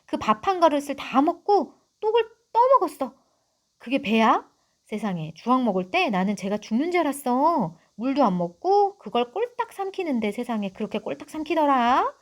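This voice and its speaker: A woman's voice: high voice, sing-song, moderate pace. A woman voicing a shocked, gossiping middle-aged village woman in a storybook reading who exclaims as she passes on the tale. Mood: aghast gossip.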